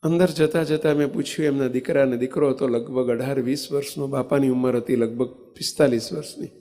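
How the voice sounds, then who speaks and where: A man's voice: mid-range voice, fairly quick. A man telling a story in a sermon, acting out the voices of the people in it. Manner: animated storyteller, acting out quoted dialogue. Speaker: swami preacher. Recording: reverberant hall with faint music.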